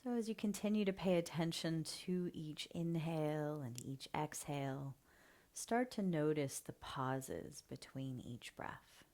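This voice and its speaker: Leading a breathing meditation, a woman speaks in a low, gentle voice, very slowly and with long pauses. Her soft, soothing phrases often trail off into a half-whisper.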